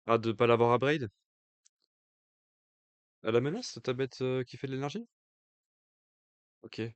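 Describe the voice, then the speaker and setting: A man's voice: mid-range voice, measured pace, clear, resonant tone, dry recording, muffled recording. A man with a French accent giving casual live commentary on a card game match, thinking aloud with hesitant fillers. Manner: jokey aside in accented English. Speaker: stream commentator.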